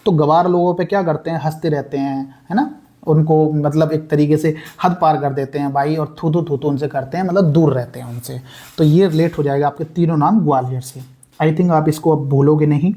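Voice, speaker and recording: A man's voice: a little high, moderate pace, warm tone. A young man giving a casual exam-prep lesson, chatty and repetitive, often calling his viewers brother. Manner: chatty, repeats words, addresses viewers as brother. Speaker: exam coaching teacher.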